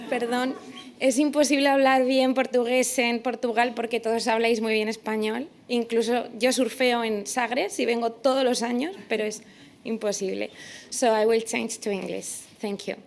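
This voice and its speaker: A woman's voice: fairly high pitch, fairly even intonation, moderate pace, slight background noise. A woman from Spain with a Spanish accent gives a conference keynote as a native Spanish speaker. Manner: non-native English with Spanish phrasing. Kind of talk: conference presentation.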